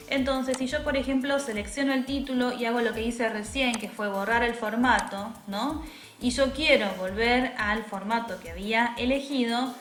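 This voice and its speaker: A woman teacher, patiently explaining a software tutorial step by step and checking in with tag questions. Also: fairly high pitch. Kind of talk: screen-recorded software tutorial. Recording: echoey room with faint music.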